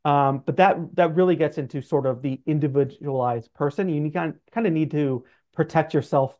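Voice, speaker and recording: In a warm, fairly high voice at normal speed, the middle-aged financial adviser explains things as an interview guest, hedging informally with "sort of" and "like." He joins by video call from an indoor office, and the audio is dull.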